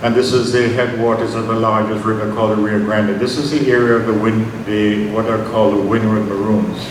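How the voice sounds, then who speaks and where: A man, giving an unhurried, personal academic lecture with slides and frequent ums. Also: on the low side, flat delivery. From Jamaica. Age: 70s. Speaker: invited lecturer. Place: large conference hall. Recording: very echoey hall, distant mic, noisy.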